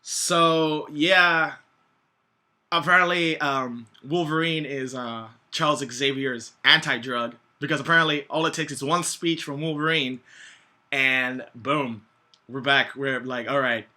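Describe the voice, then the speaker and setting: Male movie reviewer, very bright and punchy tone, casual and sweary, stumbles and restarts as he rambles. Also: fairly high pitch, steady tone. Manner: profane, slangy, blunt; halting, groping for words with many false starts.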